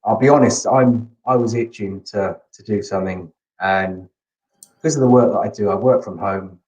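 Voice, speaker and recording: A man's voice: lowish voice, normal speed, darkish tone, lo-fi sound. A man speaking as an interview guest, casual and earnest, with plenty of enthusiasm. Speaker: guest, visually impaired rugby player.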